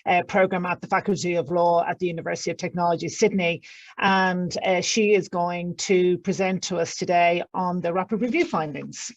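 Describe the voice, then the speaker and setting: A woman with an Irish accent chairing an online panel session, introducing the speakers haltingly with many fillers and restarts. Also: fairly low pitch, fairly even intonation, dry recording.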